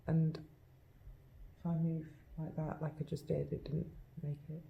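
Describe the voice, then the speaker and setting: Low creaky woman in echoey room. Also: little pitch movement, takes it slowly, narrow, tinny audio, slight background noise. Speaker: paranormal investigator. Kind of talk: calling out to spirits, casual talk.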